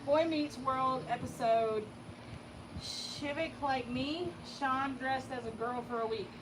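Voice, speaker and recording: A woman's voice: high voice, takes it slowly, slight background noise, poor audio. A woman co-hosting a casual livestream, reading out viewer names and messages and teasing her partner. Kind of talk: casual chat.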